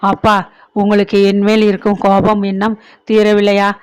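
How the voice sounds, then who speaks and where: A woman's voice: medium pitch, monotone, moderate pace, clean tone, no room sound, natural voice. A woman reading the part of a young married daughter who speaks with sorrow and longing in a storybook. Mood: sorrowful. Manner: sorrowful, pleading.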